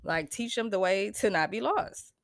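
A woman's voice: mid-range voice, animated, normal speed, dry recording, clean studio sound. A young American woman hosting a solo podcast, talking casually but emphatically, with a stuffy, congested voice and frequent laughs. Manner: emphatic, preachy, laughs often. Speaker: podcast host.

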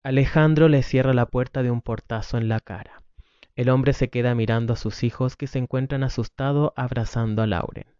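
A man's voice: mid-range voice, steady tone, a little fast, mellow, clean tone, dry recording. A man reading a drama script aloud, giving the stage directions plainly and matter-of-factly, on a dull lo-fi recording. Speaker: script reader.

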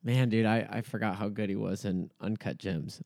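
A man co-hosting a podcast, retelling things in a relaxed way with many fillers. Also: on the low side, moderate pace, vocal fry, no room sound, clean studio sound. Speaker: podcast co-host. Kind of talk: casual chat.

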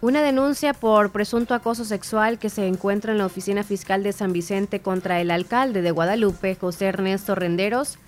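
Salvadoran woman co-hosting morning radio. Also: mid-range voice. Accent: Salvadoran Spanish. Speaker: radio morning show co-host. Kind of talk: reading news and casual chat.

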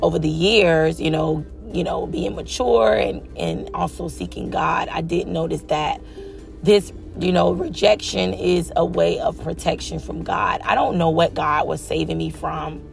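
A woman talks through her faith on her own podcast, her voice carrying a gravelly, creaky edge. She moves from soft, hesitant reflection to fervent, preacher-like declarations. Faint music plays softly under her voice. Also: on the low side, fairly even intonation, unhurried. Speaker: podcast host. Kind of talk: personal faith podcast monologue.

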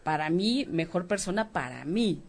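A woman's voice: lowish voice, animated, normal speed. A woman, co-hosting a talk show, telling a personal story in a chatty way. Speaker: co-host. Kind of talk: casual talk-show conversation.

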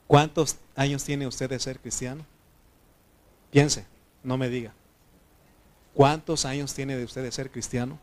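A man preaches in a relaxed, talkative way. His voice sits at an ordinary middle pitch. He keeps turning to the congregation with questions. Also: unhurried, long pauses. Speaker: pastor. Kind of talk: sermon.

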